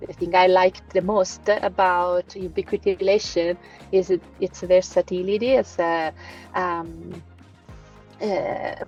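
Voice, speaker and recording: A woman in her forties from Rome with a light Italian accent, a guest telling her career story in an interview, pausing often with fillers. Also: fairly low pitch, steady tone, a little mellow, highs cut off, soft background music. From Italy, Rome. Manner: thoughtful, many fillers and pauses. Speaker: guest scientist. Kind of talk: conversational interview.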